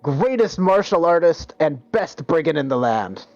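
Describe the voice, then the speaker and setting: A man's voice: a little high, big pitch swings, moderate pace, darkish tone, no echo, pitched above the performer's own voice. A swaggering rabbit-folk brigand, put on by a man running the game, proclaiming his titles in a raised, theatrical voice. The sound is dry and a little dull. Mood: boastful. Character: boastful rabbit-folk male brigand, showy.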